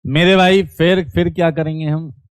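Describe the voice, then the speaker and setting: Man, online chemistry lecture, teasing playful teacher, unhurried delivery, fairly high voice. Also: fairly even intonation, clean tone, dry recording. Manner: playful, teasing students, calls out live chat answers.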